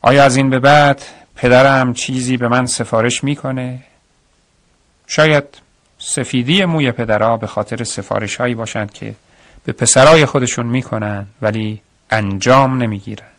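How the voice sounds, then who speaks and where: A man's voice: mid-range voice, steady tone, a bit bright, no room sound. A man narrating a radio story in the first person, reflective and earnest, on a studio mic.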